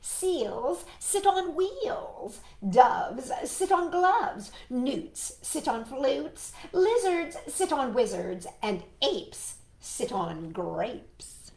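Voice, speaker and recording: A woman voicing a bossy, know-it-all picture-book cat with emphatic, drawn-out, sing-song rhymes. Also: sits high, very animated, darkish tone, exaggerated voice. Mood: exasperated. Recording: echoey room.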